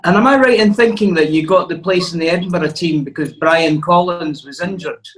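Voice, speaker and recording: A man's voice: a little high, fairly quick, rough recording. Male co-host over crowd chatter. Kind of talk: casual interview. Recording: crowd noise behind voice.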